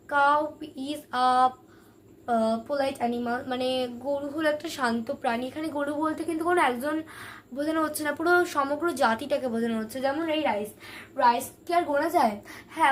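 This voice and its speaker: A woman teaching a grammar lesson, patiently explaining and asking questions that she then answers herself. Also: high-pitched. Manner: patient, asks and answers her own questions. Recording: distant mic, faint room noise.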